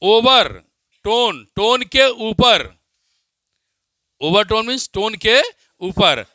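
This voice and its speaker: A man with an Indian accent teaching physics, dictating definitions slowly, repeating phrases and quizzing his students. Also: sits high, lively intonation, sharp tone, no room sound. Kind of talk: classroom lecture with dictation.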